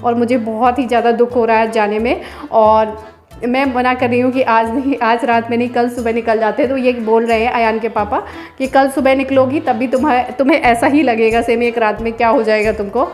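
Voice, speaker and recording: A woman's voice: on the high side, fairly even intonation, a little fast, a little mellow, faint music behind. A woman in her thirties, a home vlogger chatting through a casual voice-over, explaining each step in a homely way.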